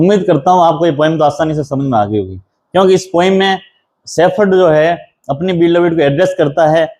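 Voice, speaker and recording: A male assistant professor, giving a lecture on a poem. He reads the lines slowly, explains each one, and repeats key terms as he counts them out. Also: fairly high pitch, a little mellow. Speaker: assistant professor teaching English literature.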